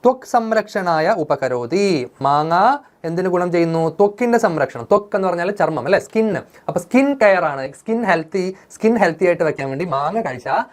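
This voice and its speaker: A lively teacher explains vocabulary in an online lesson. They keep asking questions aloud and then answer them right away, stretching out the key words. The delivery is chatty and explanatory. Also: medium pitch, fairly quick. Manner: animated, asks and answers own questions. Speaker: Sanskrit teacher.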